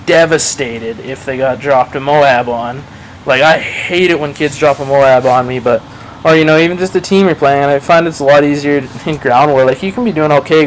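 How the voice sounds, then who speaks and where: A man's voice: fairly high pitch, a little hiss or hum, rough recording. A man giving casual gameplay commentary over a match, rambling, swearing freely and playing himself down. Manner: rambling, profane, self-deprecating. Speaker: gaming commentator.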